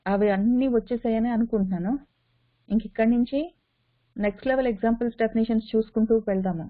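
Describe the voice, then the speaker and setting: A woman's voice: a little high, fairly even intonation, fast. A woman teaching a Sanskrit scripture in a spoken lecture, repeating phrases for emphasis and mixing in English words. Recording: tinny phone-line audio.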